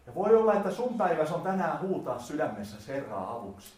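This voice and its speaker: A man preaching a sermon, talking directly to his listeners in casual speech and swinging between quiet and loud. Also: fairly high pitch, sing-song. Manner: addresses listeners directly, colloquial. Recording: echoey hall.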